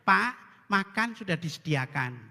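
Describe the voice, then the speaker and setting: A man voicing an older wife who slowly repeats herself to her deaf husband, then scolds him. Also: high voice, animated, vocal fry, bright, forceful tone, full character voice. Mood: patient.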